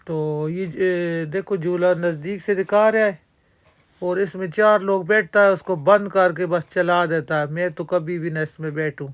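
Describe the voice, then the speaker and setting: A woman's voice: lowish voice, steady tone. A woman narrating a casual vlog from an outdoor amusement park. She talks straight to her viewers and fills her talk with religious phrases. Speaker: vlogger.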